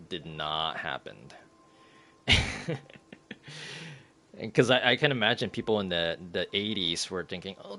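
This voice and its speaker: A man's voice: mid-range voice, bright, forceful tone. A man in his thirties chatting casually on a live stream, rambling and laughing as he reads the chat. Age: 30s.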